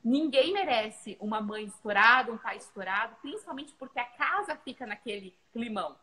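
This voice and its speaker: Speaking at a normal speed in a voice on the high side, a Brazilian mother in her thirties co-hosts a casual talk about parenting. She is earnest and animated as she tells stories from home, though the audio is poor.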